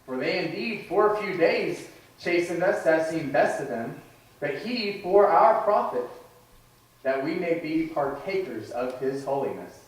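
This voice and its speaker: A man's voice: fairly high pitch, animated, measured pace. A man in his thirties preaching a sermon in a conversational way, with restarts and asides. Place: church sanctuary. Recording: echoey church hall, from far off.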